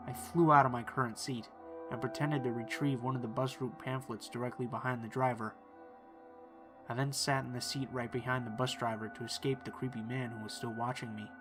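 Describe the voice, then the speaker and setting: Man, horror story narration, calm measured delivery, faint background music. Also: medium pitch.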